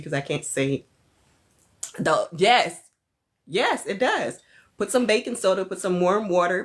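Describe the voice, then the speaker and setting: A woman vlogger chatting casually and animatedly with her viewers, often laughing. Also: fairly low pitch. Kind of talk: casual chat with live viewers.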